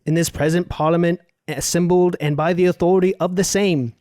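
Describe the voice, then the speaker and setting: A man putting on an attempted British accent to play a pompous parliamentary herald reading out a decree in stately, slowed tones. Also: fairly even intonation, a little mellow, no echo, studio quality, natural voice. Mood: grandly formal. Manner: stately, slowed, raised pitch.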